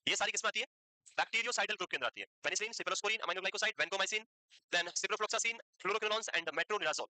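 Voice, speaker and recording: A teacher giving a pharmacology lecture, asking the class quick questions, answering them, and repeating key terms slowly for note-taking. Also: medium pitch, sharp tone, no echo, rough recording. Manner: quizzing students with quick questions, then answering. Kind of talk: classroom lecture mixing Hindi and English.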